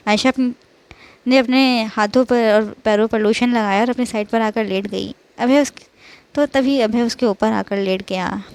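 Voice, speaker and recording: A woman's voice: fairly high pitch, darkish tone. A woman narrating a romance audiobook, reading expressively and often restarting her phrases.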